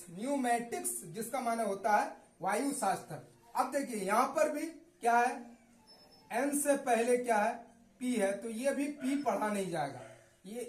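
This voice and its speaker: A woman's voice: a little high, darkish tone, echoey room, rough recording. A woman teaching English pronunciation rules, repeatedly asking a question and answering it herself. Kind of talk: classroom-style lesson.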